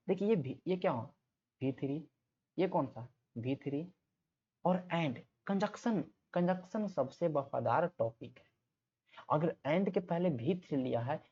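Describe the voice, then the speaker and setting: A man's voice: a little high, dark tone. A man teaching an exam-prep grammar lesson, explaining step by step and asking and answering his own questions. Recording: slightly muffled lo-fi audio.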